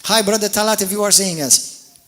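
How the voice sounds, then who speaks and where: A man from Malta, preaching as pastor, speaks a little fast in a high voice. He tells stories with animation, speaks directly to the congregation, and keeps repeating and restarting words.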